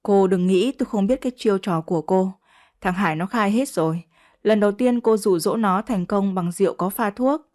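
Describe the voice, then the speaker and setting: A woman's voice: medium pitch, moderate pace, darkish tone, close to an everyday voice. A stern older mother-in-law who scolds with cold contempt, as a woman narrator reads her. The storybook voice stays close to an everyday female voice. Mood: scornful scolding.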